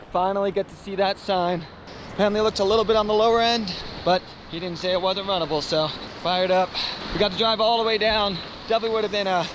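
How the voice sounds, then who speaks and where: A man's voice: high voice, dull audio. Hyped young man vlogging outdoors. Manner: excited, hyped, shouting whoops. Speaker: kayaker vlogging a river trip. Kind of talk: casual outdoor vlog narration. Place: outdoors by a river and snowy road. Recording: loud outdoor noise of water and wind.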